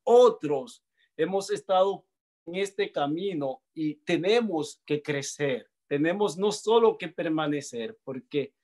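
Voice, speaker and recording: A man preaching a sermon and reading scripture aloud, with slow delivery and dramatic pauses that swing between loud and soft. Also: on the high side, animated.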